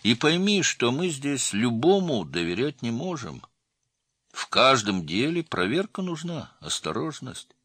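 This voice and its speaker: A sly, prying cellmate, voiced by a male audiobook reader, his voice lifted a little above the narration and swinging through a lively, animated pitch. The tone is bright and forceful, full of falsely friendly probing. Heard close and dry. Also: a little slow, husky, no echo, heavily acted. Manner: prying and falsely good-natured, raised voice.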